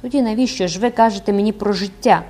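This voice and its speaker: A woman's voice: medium pitch, quick pace, dark tone, close to an everyday voice. A proud young woman prisoner answers with scorn and defiance, as a woman narrator voices her. Her voice is firm and unbending, read as a character in an audiobook. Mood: cold. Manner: cold, then fierce and scornful.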